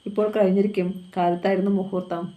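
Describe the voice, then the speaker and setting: A woman reading as a quiet man with grave news. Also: high voice, level tone, fast talker, lo-fi sound, close to an everyday voice. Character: quiet adult man bringing bad news.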